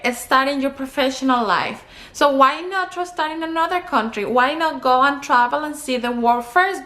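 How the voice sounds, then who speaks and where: A young Colombian woman, a native Spanish speaker with a Colombian accent, talks to camera as a travel vlogger, earnestly offering advice and counting off her points. Her voice sits high and sounds bright and forceful.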